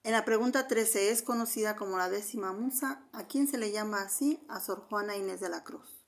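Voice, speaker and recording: A woman's voice: medium pitch, normal speed, vocal fry. A woman teacher patiently going through quiz answers one by one, speaking to her students in a methodical way. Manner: patient, methodical, addresses the class. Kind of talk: explaining answers of a Spanish review quiz.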